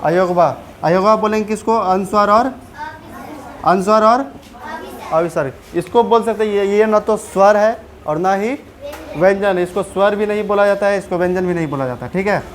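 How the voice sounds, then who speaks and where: A woman's voice: mid-range voice, normal speed, slight background noise. A woman teacher with a Bihari Hindi accent, giving a classroom grammar lesson and often asking the pupils questions to check they follow.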